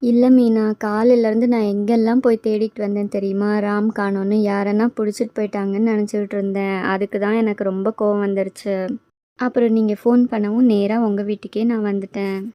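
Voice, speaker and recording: A woman's voice: medium pitch, flat delivery, fairly quick, warm tone, dry recording, lightly acted. A woman voicing a stern, worried village mother in a doll play story, scolding firmly. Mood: upset. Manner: scolding, firm.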